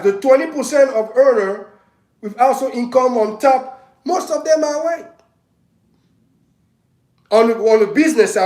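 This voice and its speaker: A man's voice: sits high, darkish tone, echoey room, poor audio. A man giving a heated, emphatic political monologue on a livestream, with frequent restarts as he presses his points. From Africa. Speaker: self-styled state governor giving political commentary.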